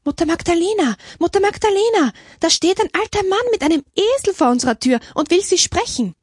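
A woman voicing an excited young nun in a storybook reading, urgent and repeating herself. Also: very high voice, brisk, no room sound, studio quality, pitched above the performer's own voice.

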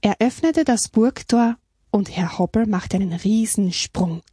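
A woman reading a children's story aloud at a slow, expressive pace. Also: medium pitch, breathy edge, dry recording, clean studio sound.

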